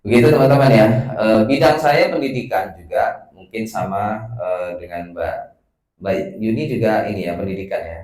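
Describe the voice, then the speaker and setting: A man's voice: lowish voice, moderate pace, darkish tone, echoey room, low-quality recording. A man from West Sumatra whose Indonesian has a Javanese lilt, giving a casual, self-deprecating welcome speech as an institute's director, with many filler sounds. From Padang, West Sumatra. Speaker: executive director of a research institute.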